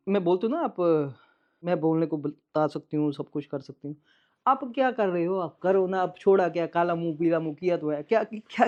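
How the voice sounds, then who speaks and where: Speaking straight to his estranged wife in a vlog for his followers, a man delivers an aggrieved, accusatory monologue full of emotion. His voice is high-pitched with a darkish tone, and the recording's highs are cut off.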